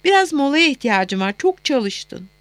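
A woman reader voicing a middle-aged mother on the phone, soft and soothing as she worries over her daughter. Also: high voice, big pitch swings, measured pace, dry recording, voice pushed up, full character voice. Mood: fond worry. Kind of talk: audiobook character voice.

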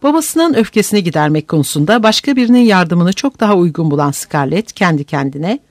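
An expressive audiobook narrator reading with dramatic flair, the pitch rising and falling in wide, lively sweeps. The voice is recorded close and dry, without room echo. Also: fairly quick.

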